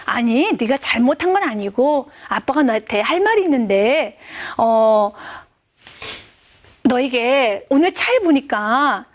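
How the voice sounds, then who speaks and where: A woman voicing a calm middle-aged father who speaks slowly and gently. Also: on the high side. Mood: patient. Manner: slow, gentle, reasoning.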